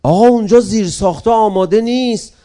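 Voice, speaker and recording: A male preacher voicing a reluctant village farmer who pleads with excuses in a high, whiny voice. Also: dark tone, lightly acted. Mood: pleading.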